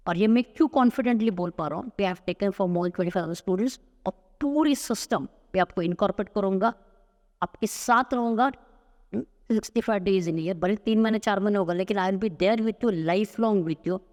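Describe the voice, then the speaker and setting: A man's voice: sits high, moderate pace. Emphatic man coaching, in a reverberant room. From Maharashtra, India. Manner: emphatic, mixes Hindi and English. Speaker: spoken English coach. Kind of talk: podcast interview answer.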